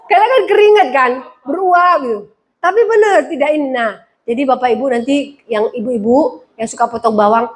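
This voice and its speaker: A woman pastor preaching a sermon, mixing humorous home stories with emphatic repeated phrases. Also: high-pitched. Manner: humorous storytelling, emphatic call-and-response phrasing.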